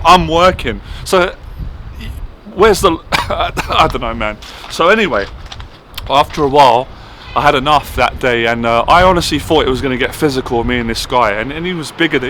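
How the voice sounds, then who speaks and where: A man tells a story from his own life in a loose, chatty monologue, often tossing in "right?". His voice sits a little high and sounds bright and forward. A faint hum of traffic comes from outdoors. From Ireland. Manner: chatty, keeps asking "right?". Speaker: vlogger sharing a personal story.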